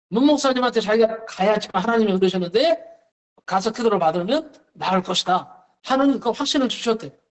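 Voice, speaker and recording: A male pastor preaching a Wednesday service sermon, telling a story with lively acted-out dialogue. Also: sits high. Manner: animated storytelling, acts out dialogue. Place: church sanctuary.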